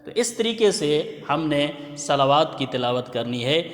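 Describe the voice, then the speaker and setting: Man, religious teacher, pronunciation lesson, chants examples slowly, somewhat high voice, roomy echo. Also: animated. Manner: explains slowly, chants demonstration phrases drawn out. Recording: echoey hall with long reverb.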